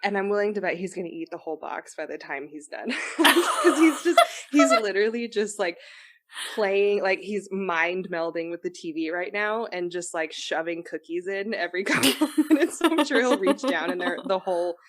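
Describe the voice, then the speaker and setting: A woman's voice: on the low side, moderate pace, noisy background. A young woman co-hosting a podcast in casual chat, rambling with lots of fillers and frequent giggles. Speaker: podcast co-host.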